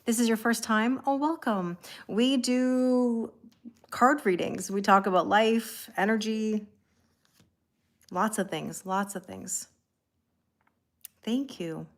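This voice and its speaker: A Canadian woman, likely in her thirties, hosts a tarot live stream, chatting casually with viewers, greeting them by name and laughing a lot. Her voice is fairly high, and she talks slowly with long pauses.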